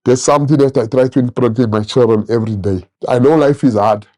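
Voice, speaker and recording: Man telling his story with a dark voice. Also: mid-range voice, fast. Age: 30s. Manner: animated storyteller, acts out quoted voices. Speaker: church member sharing testimony. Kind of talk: personal testimony interview.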